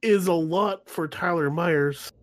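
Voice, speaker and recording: A man's voice: on the high side, slow pace. A man, co-hosting a casual podcast chat in an easygoing way. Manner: easygoing, laid-back. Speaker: podcast co-host.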